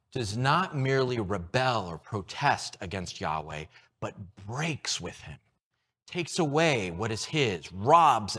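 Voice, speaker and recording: A man preaching a sermon, moving from hushed, low lines to loud, excited ones as he acts out everyday scenes. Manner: animated, with props and shifts from hushed to loud. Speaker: pastor.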